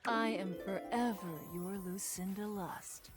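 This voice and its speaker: Actress as a clingy, lustful game seductress, breathy and sultry, faint music under her. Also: mid-range voice, steady tone, a little slow, natural voice.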